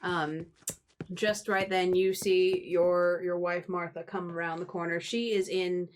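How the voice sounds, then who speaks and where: A woman's voice: fairly low pitch, level tone, unhurried, a little hiss or hum. A woman narrating as game master of a tabletop game, loose and conversational.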